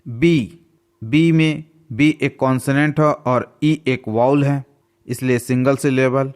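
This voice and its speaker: A male English teacher talks through his lesson at a very slow, careful pace. His pitch sits in the middle range, and he patiently spells words out letter by letter. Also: steady tone, darkish tone.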